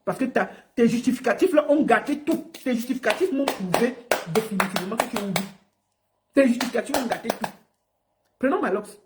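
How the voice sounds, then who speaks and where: An online personality rants on a livestream, her fairly high voice animated and a little fast as she mocks and scolds someone with lots of repetition. Background noise can be heard.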